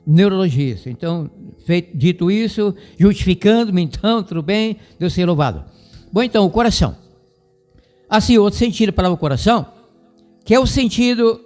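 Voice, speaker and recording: A high-voiced Brazilian man gives a Bible lesson over the radio, lecturing in a didactic, rambling way and repeating his points. His voice carries a long hall reverb, with faint music underneath. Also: darkish tone. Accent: Brazilian Portuguese. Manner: didactic, digressive, repeats himself.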